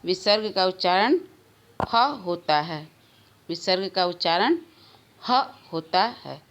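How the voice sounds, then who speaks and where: Slow, patient woman teaching children. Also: lowish voice, animated, muffled recording. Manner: slow, repeating key answers to children. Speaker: school teacher. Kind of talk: recorded online Hindi grammar lesson.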